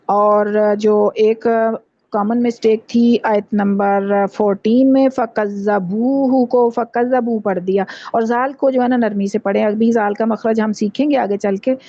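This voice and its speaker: A fairly high-voiced woman with a soft, mellow tone, teaching recitation in a patient, step-by-step way. She slows down and repeats each sound so her students can copy it. The audio is dry and dull, like a lo-fi video call. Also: dry recording. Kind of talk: online class instruction.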